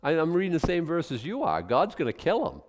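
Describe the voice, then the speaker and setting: A man's voice: fairly high pitch, wildly swooping pitch, a little fast, in a large hall, noisy background. A male pastor teaching a Bible passage in a conversational way, musing aloud about his own guesses and chuckling as he goes.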